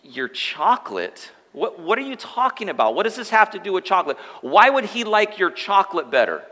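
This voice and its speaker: A man's voice: on the high side, animated, slow, sharp tone, big-room sound, heavily acted. A man voicing an important male religious leader who asks flustered, incredulous questions.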